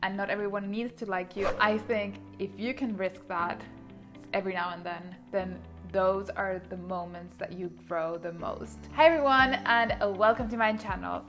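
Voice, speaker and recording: A woman's voice: medium pitch, steady tone, normal speed, over music. Earnest thirty-year-old woman vlogger. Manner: earnest, thoughtful, frequent hedging fillers. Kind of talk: reflective casual monologue to camera.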